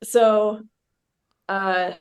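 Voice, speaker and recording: A woman's voice: mid-range voice, flat delivery, very slow. A young adult American woman, a guest on a podcast, chatting casually with lots of ums and easy laughter. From United States. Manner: easygoing, laughs often, many ums. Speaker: podcast guest, Olympic sailor. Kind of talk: casual chat.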